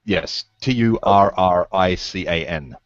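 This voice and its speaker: Low-voiced man, dry lo-fi sound. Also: a little slow, no echo. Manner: enthusiastic, rambling recommendations. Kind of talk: casual podcast chat.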